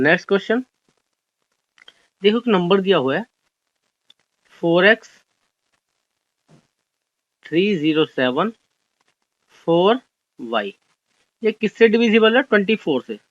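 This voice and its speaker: A man's voice: high voice, fairly bright tone, no echo. A young man teaching an exam-solution maths lesson, explaining step by step and asking questions that he answers himself. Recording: dry, dull lo-fi audio.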